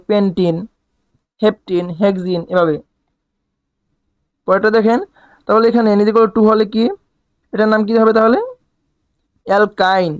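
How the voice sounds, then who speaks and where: A man's voice: high-pitched, dry recording. A male chemistry teacher giving a recorded lecture, asking questions and answering them himself and counting aloud, in a casual colloquial way. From Bangladesh. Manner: colloquial, dialect forms.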